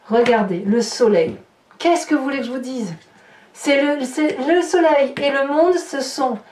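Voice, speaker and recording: The recording is echoey and roomy, with the microphone somewhat far away and slight background noise. Her fairly high voice is a little mellow as she reads tarot for viewers of her horoscope channel, musing informally and frequently checking in with little questions.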